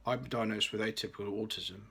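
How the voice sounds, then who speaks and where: A late-20s Birmingham man with a low, bright, husky voice talks fast and keeps a steady tone. The clip is a scripted personal vlog, read aloud with care and the odd restart.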